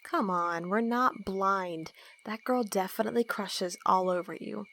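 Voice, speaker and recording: An actress voices a dry-witted young woman in an audio drama, teasing and blunt while staying guarded in casual dialogue. Her mid-range voice is unhurried and slightly bright, with clear background noise and crickets around her.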